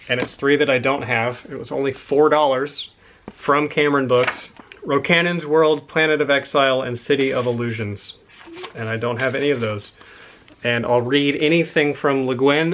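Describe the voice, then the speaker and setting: A man's voice: medium pitch, fairly bright tone, slight background noise. Enthusiastic man showing off books. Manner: rambling, enthusiastic, with asides. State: slightly out of breath. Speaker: book collector showing a haul. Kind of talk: casual chat.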